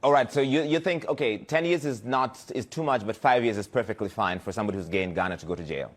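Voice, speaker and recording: A man's voice: lowish voice, fast talker. A man working as a news interviewer, challenging his guest with pressing, pointed questions.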